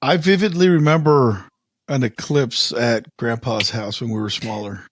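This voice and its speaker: A man co-hosting a casual podcast chat, wisecracking and cutting in with quick remarks. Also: mid-range voice, no room sound, studio quality. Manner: wisecracking, interjects often. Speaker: podcast co-host.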